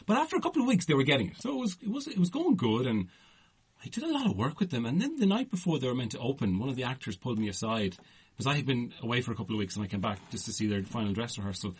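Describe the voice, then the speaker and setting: A man's voice: medium pitch, big pitch swings, very fast, breathy edge. A man, co-hosting a podcast and telling a long rambling anecdote in casual chat. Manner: rambling anecdotal storyteller, laughs often. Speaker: podcast host.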